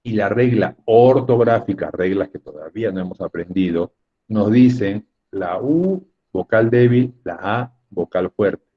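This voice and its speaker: Male teacher, husky voice, low-pitched, online class, dull lo-fi audio. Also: unhurried. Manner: chatty, joking asides to students. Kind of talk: online spelling lesson.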